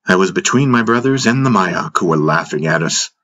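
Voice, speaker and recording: A man narrating a fantasy audiobook in first person, steady and measured. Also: sits low, slight background noise.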